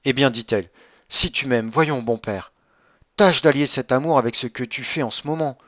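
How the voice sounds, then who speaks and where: A man's voice: medium pitch, normal speed, a bit bright, dry recording, muffled recording, natural voice. A man voicing a tender young woman pleading with her grandfather, in a raised voice.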